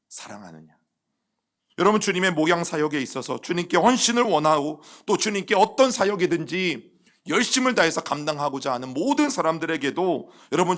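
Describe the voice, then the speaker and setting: A middle-aged man preaching a Sunday sermon as senior pastor. He swings from loud, emphatic phrases to soft, low endings, and he acts out quoted questions in an intimate voice. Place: church sanctuary.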